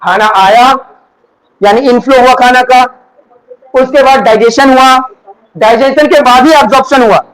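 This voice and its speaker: A man with a very high-pitched voice teaches a class. He works through each idea step by step, posing questions and then answering them himself. He often repeats key words and keeps checking that his students are following. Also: moderate pace, pauses often, a bit bright, poor audio. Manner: keeps checking understanding with "ठीक है? है ना?". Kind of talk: classroom lecture.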